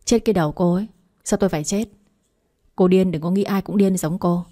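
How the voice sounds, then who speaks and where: A woman voicing an irritable, indignant young man who snaps sharply, in a mellow, low voice. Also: brisk, lightly acted. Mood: angry. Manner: sharp, scolding.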